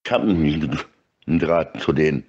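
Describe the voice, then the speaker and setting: Recorded on a phone close to his face with lo-fi sound, a middle-aged man with a very deep, slightly mellow voice talks casually. His speech is halting and choppy, with repeated words.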